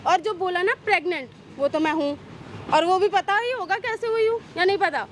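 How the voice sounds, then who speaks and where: A woman's voice: very high-pitched, a little fast, slight background noise. A woman playing a brazen, defiant young daughter-in-law who taunts and mocks without shame, in a street skit. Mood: defiant, mocking. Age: young adult. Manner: taunting, mocking, unashamed. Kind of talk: street social skit acting.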